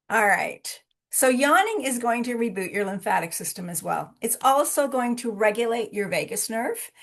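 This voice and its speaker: A woman with a somewhat high voice guides a group session over a video call. She talks calmly and directly to her listeners, giving one instruction after another in a teaching manner. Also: moderate pace, vocal fry, few pauses. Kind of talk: guided relaxation and live workshop talk.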